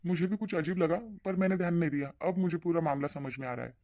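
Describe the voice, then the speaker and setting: A woman voicing a caring young adult son and brother in a cartoon, asking quick, concerned questions. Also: on the low side, dark tone, close to an everyday voice. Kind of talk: cartoon voice acting. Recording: dull lo-fi sound.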